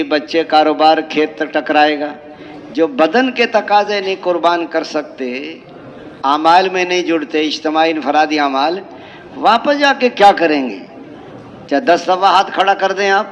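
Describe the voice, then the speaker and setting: A man's voice: fairly high pitch, a little hiss or hum. A man with a Pakistani Urdu accent preaching a sermon at a large mosque gathering, telling parables and stacking emphatic lists. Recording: lo-fi hall recording with long reverb.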